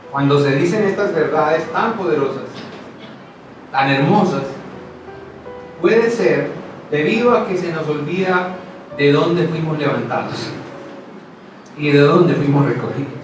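A man preaching a sermon in a church, impassioned, moving between loud declarations and hushed asides. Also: fairly high pitch, lively intonation, measured pace, long pauses, music in the background. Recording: echoey hall, distant mic, noisy.

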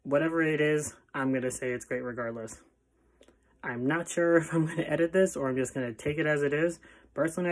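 Young man vlogging, breathing heavily. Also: mid-range voice. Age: 20s to 30s. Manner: heavy audible breathing. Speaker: pharmacist starting a video channel. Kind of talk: casual vlog talk to camera. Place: plain indoor room. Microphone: phone at arm's length.

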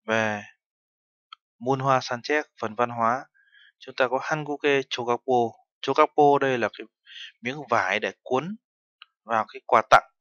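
A man's voice: medium pitch, a little slow, long pauses, a bit bright, dry recording, dull audio. A man teaching a language lesson, explaining terms step by step and mixing in foreign words. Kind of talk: lesson narration.

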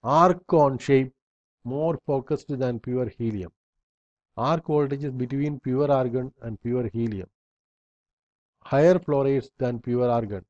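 A man's voice: mid-range voice, slow, long pauses, darkish tone, highs cut off. A man instructor reading slide bullet points aloud in a recorded lecture, in short fragments with small slips and restarts.

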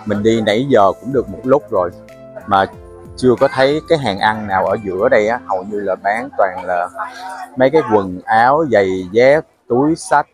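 A man's voice: fairly low pitch, moderate pace, faint music behind. A man narrating a casual travel vlog, chatting to viewers as he walks through a crowded night market. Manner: chatty, explains to viewers with fillers. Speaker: travel vlogger.

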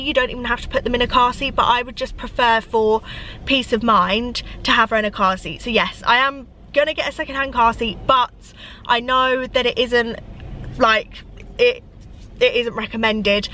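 A woman's voice: fairly high pitch, sharp tone, slight background noise, low-quality recording. A young woman, chatting casually to camera from her car, rambling with lots of fillers. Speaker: vlogger. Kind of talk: casual vlog chat. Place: inside a parked car.

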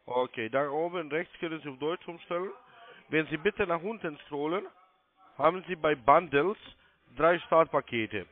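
This is a man with a fairly high voice at normal speed, working as a call centre sales agent. His telephone instructions come one step at a time, insistent and repetitive, and the narrow-band line sounds muffled.

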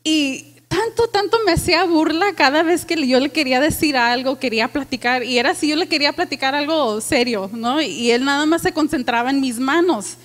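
A woman pastor preaching a lively sermon to a congregation, asking them questions and dropping in English phrases. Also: sits high, a little fast, few pauses. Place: church with congregation.

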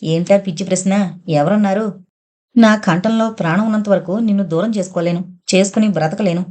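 Woman narrator reading an affectionate young rich man, mellow low-key delivery, audiobook novel. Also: a little fast, lightly acted. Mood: tender worried. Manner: affectionate, coaxing. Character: young wealthy man, tender lover.

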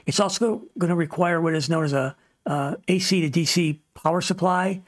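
A man who hosts a ham radio tutorial series narrates an informal slide presentation, giving practical advice in plain terms. His voice is a little high, his pace moderate, and the recording has no room sound.

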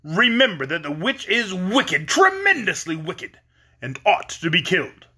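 Man voicing stern giant wizard head, raised pitch. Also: very animated, sharp tone, slightly rough, full character voice. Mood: stern, demanding. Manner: commanding, emphatic, drawn-out words. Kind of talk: storybook character reading.

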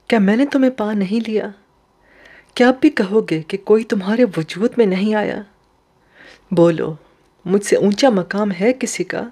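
A woman's voice: mid-range voice, darkish tone, slightly rough. Woman reading as a wounded, pleading young woman. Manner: emotional, impassioned questioning.

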